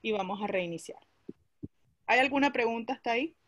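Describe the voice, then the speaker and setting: A woman's voice: on the high side, brisk, fairly bright tone, slight background noise. A woman teaching a class, explaining a chemistry lesson step by step and asking her students questions as she goes.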